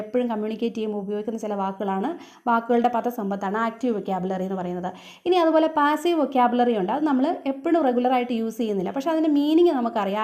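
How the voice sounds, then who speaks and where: A woman's voice: fairly high pitch, a little mellow. A woman teacher giving an exam-prep lecture, explaining step by step and mixing English terms into her speech.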